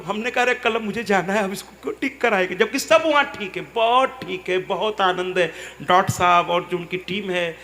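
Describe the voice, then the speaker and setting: A man's voice: high voice, slight background noise. A male preacher giving a devotional discourse to a live audience, retelling a conversation and acting out both voices. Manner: softens to a gentle murmur when speaking to a child on stage. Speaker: katha preacher.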